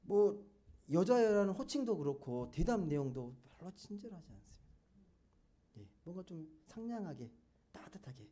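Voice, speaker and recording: Man preaching, lively questioning sermon. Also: high-pitched, normal speed. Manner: conversational, asks the congregation many questions. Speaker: pastor. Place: church sanctuary.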